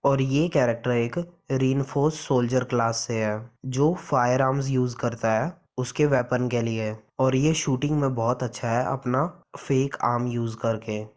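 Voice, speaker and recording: A man's voice: medium pitch, fairly even intonation, unhurried, hardly any pauses, natural voice. A man voicing a boastful, reckless young male hero in a comic recap, with a cocky, defiant delivery in his own everyday voice.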